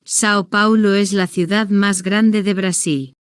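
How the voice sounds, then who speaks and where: Setting every short sentence apart, this woman narrates a story for beginning language learners at an unhurried, careful pace. Her smooth, rounded voice sits in the middle range with fairly even intonation. It's a dry, close recording with no trace of the room.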